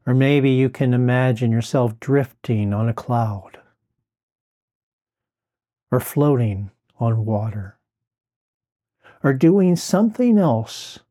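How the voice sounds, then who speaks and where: Slow, mellow man guiding relaxation. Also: medium pitch, animated. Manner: slow, soothing, drawn-out phrasing. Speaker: relaxation guide. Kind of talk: guided relaxation script.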